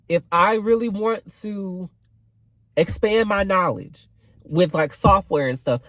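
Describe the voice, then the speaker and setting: A man's voice: high voice, no room sound, poor audio. A young man in his twenties venting in a casual vlog rant, rambling with fillers and swearing freely. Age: 20s. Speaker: vlogger.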